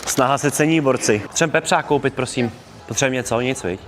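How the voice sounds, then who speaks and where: A man's voice: medium pitch, music in the background. A young man with a Czech accent streaming live in a shopping mall, joking around with fans in slangy, upbeat casual talk. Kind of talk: casual IRL livestream chat with fans. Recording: crowd and noise of a busy mall.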